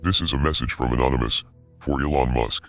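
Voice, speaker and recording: A man reading a scripted, accusing statement in an electronically deepened, disguised voice. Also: fairly quick, gravelly, soft background music. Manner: steady, accusing, ominous. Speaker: anonymous activist spokesman. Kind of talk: scripted statement read aloud.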